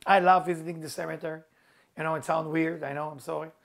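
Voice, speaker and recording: A fast-talking middle-aged man with a creaky voice on the high side keeps a level tone through his earnest spiritual motivational talk. As a spiritual teacher whose first language is Hebrew, he repeats key words emphatically in non-native phrasing.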